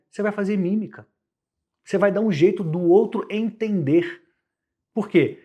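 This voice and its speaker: A man with a Brazilian Portuguese accent, a guest on a podcast, explaining communication with lively everyday examples. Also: high-pitched, breathy edge. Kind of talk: conversational podcast interview.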